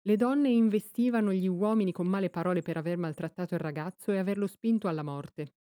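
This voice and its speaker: A woman's voice: medium pitch, fast talker, dark tone, dry recording, studio quality. A woman narrating a story aloud, reading steadily and giving voice to the dialogue.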